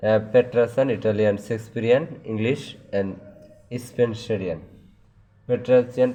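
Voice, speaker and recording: Going through terms one by one, a teacher with a Bangladeshi accent explains each in a mix of English terms and Bengali, stretching out his fillers. He has a mellow, medium-pitched voice.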